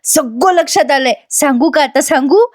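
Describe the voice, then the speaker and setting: Woman reviewer doing a cheerful clueless man, eager and repetitive, voice sits high. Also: normal speed, darkish tone, dry recording, clean studio sound, lightly acted. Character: cheerful clueless grown man puzzling over song lyrics.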